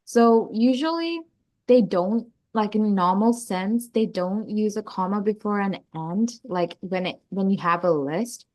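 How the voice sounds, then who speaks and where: A woman's voice: mid-range voice, unhurried, darkish tone. A woman explaining grammar to young children in a casual, chatty way, often saying "like" and restarting sentences. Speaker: teacher.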